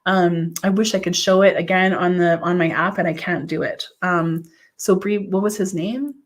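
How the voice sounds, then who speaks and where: A woman's voice: lowish voice, fairly even intonation, normal speed. A woman psychic medium doing a live-stream reading. She gushes affectionately, uses many "like" fillers and answers viewers' comments aloud.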